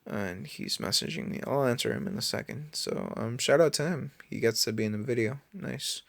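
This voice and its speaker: A man's voice: mid-range voice, sing-song, normal speed, gravelly, no echo. Tired guy rambling about a game late at night, slangy, dead dry room. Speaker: mobile game video creator. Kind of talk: casual game commentary.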